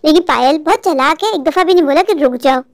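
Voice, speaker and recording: A woman's voice: sits high, quick pace. A woman voicing a discontented young wife in a cartoon dub, complaining bitterly about her poor life. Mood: grumbling.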